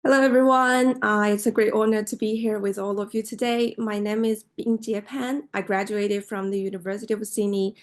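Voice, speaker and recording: A woman's voice: medium pitch, little pitch movement, fairly quick, few pauses. A woman introducing herself as a student on a webinar panel, in a polite, formal way over a video call.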